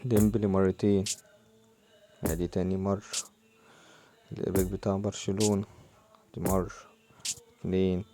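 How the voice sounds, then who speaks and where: A man's voice: deep voice, little pitch movement, normal speed, pauses often, warm tone. A young man with an Egyptian Arabic accent, chatting casually while opening football game packs, muttering prayers and groaning in frustration. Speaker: mobile football gamer. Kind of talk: casual gaming commentary.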